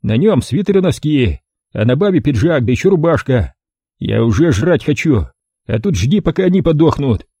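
A hoarse, grumbling male thug, sullen and always hungry, with a husky, dark rasp pitched above the reader's own voice. A man voices him in a storybook reading. The sound is dry and close. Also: very animated, moderate pace, dry recording, full character voice. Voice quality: hoarse, gravelly.

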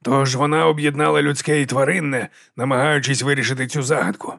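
A man's voice: mid-range voice, steady tone, vocal fry, fairly bright tone, dry recording, clean studio sound. A man voicing a pompous, boastful magician who savors his own words. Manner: pompous, drawn-out.

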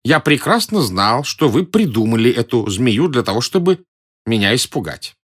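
A man's voice: mid-range voice, very animated, moderate pace, slightly rough. A man playing a timid, pedantic elderly male professor in an audiobook, whining and indignant. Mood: fussy, whiny. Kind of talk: audiobook character voice.

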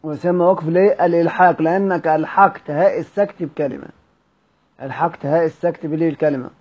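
Egyptian-accented male teacher, higher register, repetitive quizzing delivery; muffled lo-fi recording. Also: fairly even intonation, rapid-fire, a little mellow, husky. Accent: Egyptian Arabic. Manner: repeats key words, quizzes listeners with rhetorical questions. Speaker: Quran recitation teacher. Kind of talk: Egyptian Arabic lesson on recitation rules.

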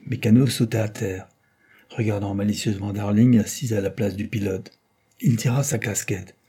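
A male audiobook narrator reading a novel in a steady storytelling manner. His voice is low, dark and husky. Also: normal speed. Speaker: audiobook reader. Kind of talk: scripted narration.

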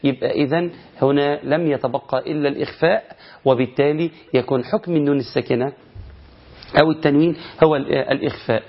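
Egyptian-accented male tajweed teacher, fast and animated, self-questioning delivery, slightly muffled lo-fi recording. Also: fairly high pitch. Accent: Egyptian Arabic. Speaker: Quran recitation teacher. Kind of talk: colloquial recitation lesson.

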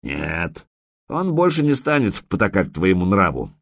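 A man's voice: sits low, huge pitch swings, measured pace, full character voice. A man doing a stern old warrior. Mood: stern warning. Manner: lecturing, warning. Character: stern older warrior man, a future father-in-law.

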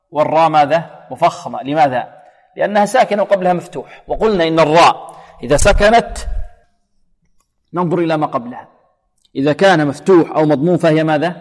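Male recitation teacher with a slightly raised pitch who drills syllables slowly, recorded with a long reverberant tail. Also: a little mellow. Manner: asks the class questions and answers them himself; models syllables slowly and repeats them for practice. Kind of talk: tajweed lesson.

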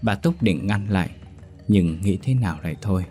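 A man reading a ghost story aloud in a steady, measured storytelling manner. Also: low-pitched, soft background music. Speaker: narrator. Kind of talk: scripted ghost story narration.

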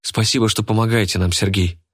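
A man's voice: on the low side, fairly even intonation, fairly quick, fairly bright tone, slightly rough, no room sound, clean studio sound. A man voicing a flustered young man who stammers in alarm. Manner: startled, stammering.

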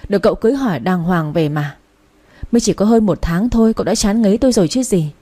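A woman voicing a jealous young wife who answers in sharp, accusing words. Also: mid-range voice, lively intonation, fast, close to an everyday voice. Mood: hurt, angry.

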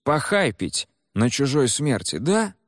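A man's voice: mid-range voice, very animated, takes it slowly, no echo, studio quality, pitched above the performer's own voice, exaggerated voice. A man voicing a rude, suspicious middle-aged police officer who barks his words. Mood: gruff. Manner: gruff, barking.

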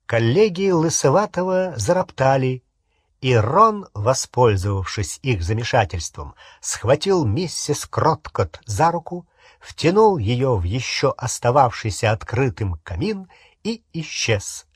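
Male audiobook narrator, unhurried, husky, dry close sound. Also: mid-range voice, dry recording. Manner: unhurried expressive storytelling. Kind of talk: audiobook reading.

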